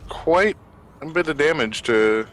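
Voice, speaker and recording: A man doing live esports commentary in a bright, forceful voice. He breaks down strategy in long explanations, thinking aloud with plenty of ums and uhs. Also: fairly high pitch, animated, a little slow, low-quality recording. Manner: analytical, explains strategy at length with frequent fillers. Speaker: esports caster.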